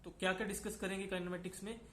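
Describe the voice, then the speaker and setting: A man with a fairly high voice teaches a physics class and moves through each idea step by step. He keeps checking that his students are following him. The recording has a roomy echo. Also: flat delivery, racing, fairly bright tone, a little hiss or hum. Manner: explains step by step, often checks in with "है ना". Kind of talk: classroom lecture mixing Hindi and English.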